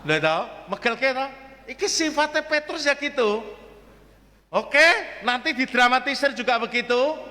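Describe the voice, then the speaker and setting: A Javanese-accented man, a parish priest, preaching a homily at Mass with lively shifts between formal preaching and joking asides. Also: very high voice, a little slow. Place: church. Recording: long church reverb.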